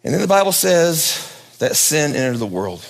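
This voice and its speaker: A pastor preaching a sermon at a pulpit microphone, swinging from loud high emphasis down to low hushed lines. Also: male voice, sing-song, moderate pace, creaky, in a large hall.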